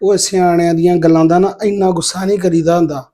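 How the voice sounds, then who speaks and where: Torn young husband, placating and pleading, high voice, played by an actor. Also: male voice, level tone, fast, warm tone, natural voice. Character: young husband caught between wife and mother. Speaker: husband and son. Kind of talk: Punjabi family drama acting.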